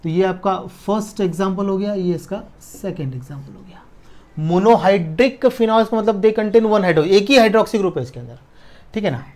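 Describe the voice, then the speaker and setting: A man teaching a chemistry lesson at a board, dictating notes slowly word by word and checking that students follow, with in the technical terms. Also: sits high, animated, a little mellow. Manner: slow dictation, drawn-out words, frequent checks for understanding.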